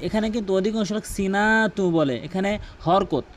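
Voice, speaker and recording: High-voiced man teaching pronunciation. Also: a little hiss or hum. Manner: repeats words slowly to correct pronunciation; brisk, insistent explaining. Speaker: Quran recitation teacher. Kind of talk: pronunciation tutorial.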